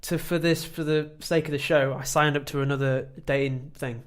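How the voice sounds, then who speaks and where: A man's voice: a little high, fairly even intonation, normal speed. Rambling self-deprecating male podcaster. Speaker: podcast co-host. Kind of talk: casual chat.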